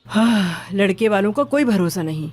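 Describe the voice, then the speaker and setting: An actress dubbing a fussy, bossy aunt who scolds everyone about cleanliness in a TV drama. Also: female voice, medium pitch, animated, moderate pace, a little mellow, dry recording, lightly acted. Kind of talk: dubbed drama. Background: music.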